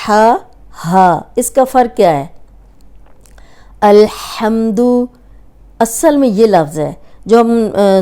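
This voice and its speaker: A woman's voice: mid-range voice, mellow, clear, resonant tone. A woman teaching a recorded tajweed lesson, patiently explaining and drawing out letter sounds to demonstrate them. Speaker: Quran recitation teacher.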